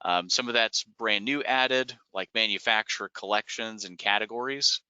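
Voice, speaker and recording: Bright, crisp-voiced man explaining software. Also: on the low side, moderate pace, dry recording, dull audio. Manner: relaxed and explanatory, frequent "uh" and "um" fillers. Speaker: software company staff presenting product updates. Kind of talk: webinar screen-share walkthrough.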